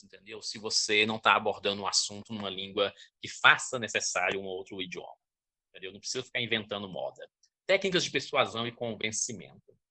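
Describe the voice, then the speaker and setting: A man's voice: on the low side, slightly rough. A man from Brazil, teaching a lecture on public speaking, often checking in with his listeners. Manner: didactic, checks in with listeners, lively emphasis.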